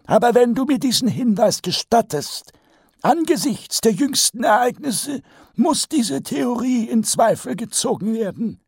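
A pompous old archchancellor wizard. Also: male voice, extremely high pitch, expressive, husky, no room sound, clean studio sound, voice pushed up, heavily acted. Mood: lecturing. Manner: slow, drawn-out, cheerfully lecturing.

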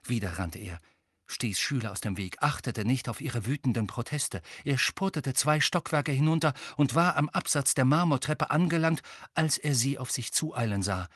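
A man narrating an audiobook with lively, tense storytelling. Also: medium pitch, moderate pace, no echo, studio quality. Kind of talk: scripted narration.

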